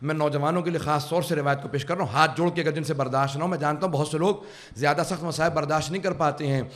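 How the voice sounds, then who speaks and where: Male cleric, fervent sermon storyteller, higher voice, builds to loud peaks. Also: fairly even intonation. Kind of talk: emotional Urdu majlis sermon. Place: religious center hall.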